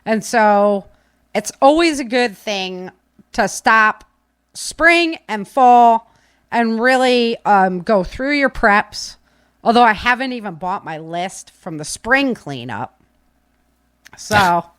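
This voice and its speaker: A woman hosting a podcast talks informally and ramblingly to live listeners, leaning on fillers. Her medium-pitched voice is clear and resonant with lively intonation, slow and full of pauses. The dry recording comes from a webcam stream setup, mic placed back from the keyboard.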